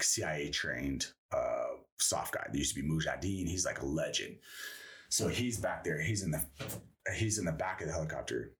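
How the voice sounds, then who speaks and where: A man's voice: very deep voice, recorded from a distance. A man in his thirties and a former soldier, telling a rambling, profane story in casual interview talk. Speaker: guest, former Green Beret.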